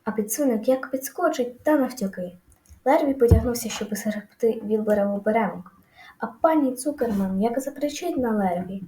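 A woman reading a children's story aloud in a lively, expressive way. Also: a little high, echoey room, poor audio. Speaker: audiobook reader. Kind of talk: storybook narration.

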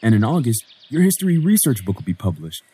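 A man's voice: mid-range voice, very animated, fast talker, mellow, slight background noise, natural voice. A man in his twenties voicing a joking, playful young husband in an indie game, teasing and wisecracking. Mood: reassuring. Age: 20s.

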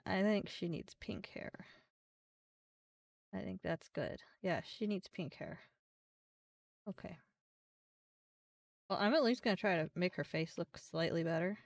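A woman's voice: mid-range voice, gravelly, no echo, distant mic. A young woman streaming a game, chatting casually and thinking aloud as she goes, with the odd swear word. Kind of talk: casual live-stream commentary.

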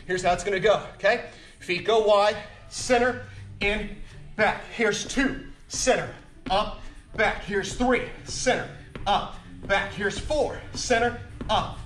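A man's voice: sits high, slow pace, fairly bright tone. A man in his thirties leading a workout as an aerobics instructor, calling out moves and counts in clipped, encouraging commands with lots of energy. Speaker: fitness instructor leading an online workout class. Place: large empty indoor gym studio. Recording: echoey large empty room.

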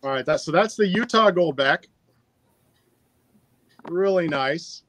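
A man's voice: fairly high pitch, animated, slow, fairly bright tone, a little hiss or hum, low-quality recording. A man hosting a live stream giveaway in a casual, chatty and upbeat way, talking into a phone. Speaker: livestream giveaway host.

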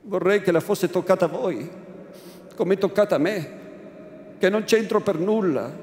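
A man's voice: a little high, a little mellow, a little hiss or hum, natural voice. A male reader voicing a frightened, timid old village priest who pleads and complains, heard in a large cathedral. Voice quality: pleading, fearful. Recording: echoey cathedral, faint ambience.

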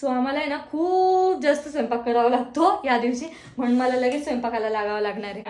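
A woman's voice: sits high, fast, darkish tone. A young woman vlogging casually at home, chatting and explaining what she cooks. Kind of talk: casual family vlog.

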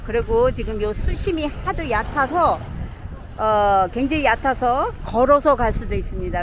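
A middle-aged woman, a travel vlogger, narrating what she sees outdoors on a beach and a sailboat, excited and chatty, recorded on a handheld camera. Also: medium pitch, noisy background. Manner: excited, describing sights as she films.

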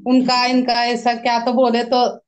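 A woman's voice: fairly high pitch, completely flat delivery, unhurried. A woman in the audience asking a question, hesitant and searching for words; Hindi is not her first language. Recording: distant from mic.

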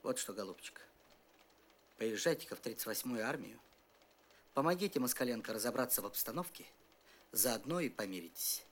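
A man's voice: mid-range voice, lively intonation, moderate pace, long pauses, fairly bright tone, slight background noise. A man playing a firm, fatherly middle-aged front commander in a war film. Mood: calm authority.

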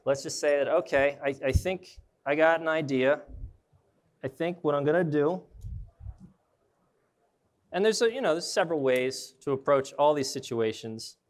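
A man's voice: fairly high pitch, normal speed, pauses often. A young man, an arborist trainer, giving a casual live demonstration at an indoor trade show booth and thinking aloud as he handles his gear.

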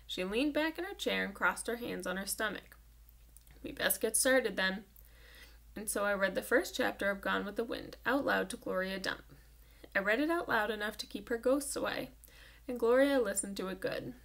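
A woman's voice: medium pitch, brisk, creaky, fairly bright tone. Woman reading a children's book aloud. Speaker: audiobook reader.

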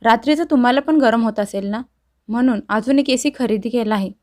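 A woman narrator voicing a caring young daughter-in-law who talks gently and persuasively. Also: on the high side, fairly quick, lightly acted.

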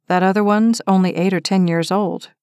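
A woman's voice: medium pitch, fairly even intonation, moderate pace, a little mellow, smooth, dry recording, natural voice. A woman reading the part of an injured young firefighter who talks in a timid, matter-of-fact way. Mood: plain. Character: injured young firefighter man, frustrated but gentle. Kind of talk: audiobook character reading.

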